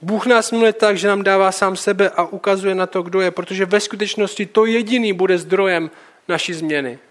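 A man preaching a sermon, reading Bible verses aloud and breaking off into casual, colloquial commentary. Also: high voice. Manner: reads scripture, then comments casually.

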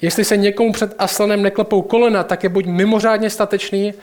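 A man's voice: high voice, level tone, close to an everyday voice. A man reading aloud as a kindly, plain-spoken mother beaver from a storybook.

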